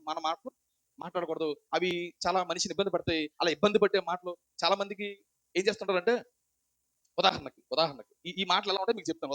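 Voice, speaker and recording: A man's voice: high voice, pushed and bright, no room sound, poor audio. A man preaching a sermon, asking rhetorical questions and repeating his points. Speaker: pastor.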